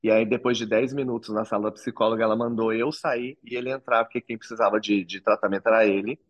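Earnest man, low dry voice. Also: fairly even intonation, fast, no echo, dull audio. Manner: earnest, reflective storytelling. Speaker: interview guest. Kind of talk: personal testimony in an interview.

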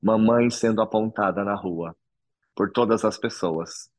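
A man's voice: lowish voice, a little slow, no echo. A man, telling his own story to an interviewer in an earnest, reflective way. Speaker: interview guest. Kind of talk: personal testimony in an interview.

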